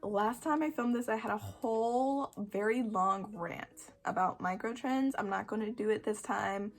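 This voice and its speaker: Croaky young woman chatting casually. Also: medium pitch, measured pace, soft background music. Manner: rambling, self-deprecating, dramatic emphasis. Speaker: video creator answering follower questions. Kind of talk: casual chat to camera.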